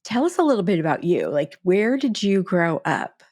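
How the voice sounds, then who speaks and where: A woman's voice: on the low side, very animated, normal speed, darkish tone, dry recording, clean studio sound. A woman interviewing a colleague in an enthusiastic, complimentary way. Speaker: interviewer, clinic staff. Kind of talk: casual interview.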